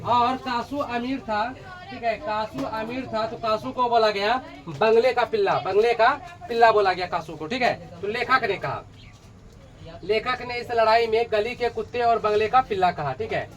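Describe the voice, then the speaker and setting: A man's voice: high voice, normal speed, a bit bright. Male teacher explaining a story. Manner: repeats points, asks and answers own questions, acts out characters' lines. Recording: crowd noise in the background.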